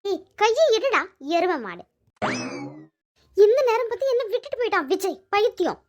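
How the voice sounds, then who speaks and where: A woman doing Vadivu, a feisty squeaky maid. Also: very animated, normal speed, muffled recording. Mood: panicky. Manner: scolding, pleading, then panicky. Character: feisty young woman housemaid, bold and quick-tempered. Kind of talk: cartoon voice acting.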